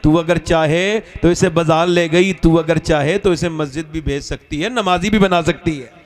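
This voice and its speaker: A wise older neighbor woman, as a male preacher puts her on gives kindly advice. She speaks more deeply than the preacher's usual voice. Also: moderate pace, close to an everyday voice. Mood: advising.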